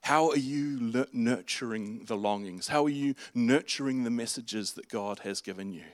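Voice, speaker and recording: A male pastor preaches in a conversational, halting way, often restarting his phrases. His voice sits at an ordinary middle pitch. The recording is dry, with little room sound. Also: no echo. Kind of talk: sermon.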